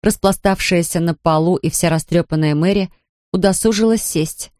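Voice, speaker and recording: A woman narrating an audiobook in a measured, expressive storytelling manner. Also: lowish voice, dry recording, studio quality. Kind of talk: scripted narration.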